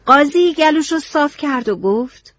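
A woman narrating a novel in a storytelling, expressive way. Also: sits high, no echo.

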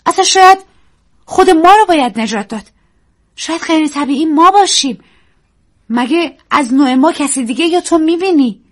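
A woman reading a story, voicing a frightened young woman with high, urgent, anxious lines. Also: lively intonation. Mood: anxious, excited.

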